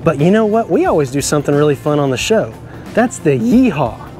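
A middle-aged man hosting a kids' show with bubbly, exclamatory energy. His pitch swoops widely up and down as he cheers and laughs. Soft music plays behind him. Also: sing-song, a little fast. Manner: enthusiastic, exclamatory, laughs often. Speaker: children's show host. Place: stadium locker room and football field.

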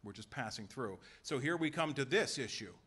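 A man preaching a sermon in a church, emphatic and full of rhetorical questions and quick voiced asides. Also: mid-range voice, animated, fairly bright tone, slightly rough. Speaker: pastor. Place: church sanctuary.

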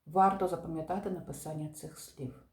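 Calm woman teacher, echoey room. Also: sits low, brisk. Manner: calm, methodical, stresses example words. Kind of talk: explaining spelling rules to viewers.

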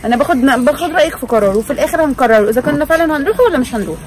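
A woman's voice: sits high, lively intonation, rapid-fire, crowd noise. An Egyptian woman, a mother vlogging with her family, talking in a coaxing, insistent way. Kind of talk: casual family vlog chat.

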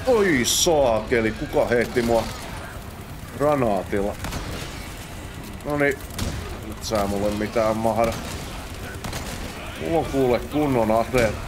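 A man's voice: medium pitch, long pauses, background noise. A young Finnish man giving casual gameplay commentary, muttering to himself and bursting into exclamations during fights. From Finland. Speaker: let's play host.

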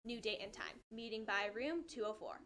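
A woman's voice: fairly high pitch, normal speed, fairly bright tone. A teenage girl reading school announcements from a small school studio, stumbling over some words. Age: teens. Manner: reads carefully, stumbles on words. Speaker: student announcer.

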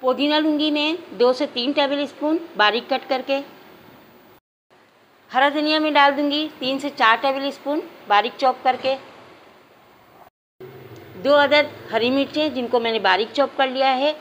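A woman with a high, clear voice walks viewers through a home recipe step by step. She talks in a calm, instructive way and keeps addressing her audience directly. A faint hiss of noise sits under the recording. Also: a little slow, pauses often, low-quality recording. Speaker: cooking channel host. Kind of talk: step-by-step cooking demonstration. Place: home kitchen.

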